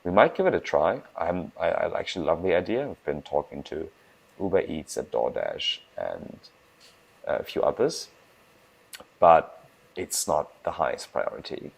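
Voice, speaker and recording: Deep-voiced young man. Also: very animated, vocal fry, darkish tone, slightly rough, low-quality recording. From Germany. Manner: fast-talking, restarts words, emphatic. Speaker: guest, food startup founder. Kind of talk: casual interview answers.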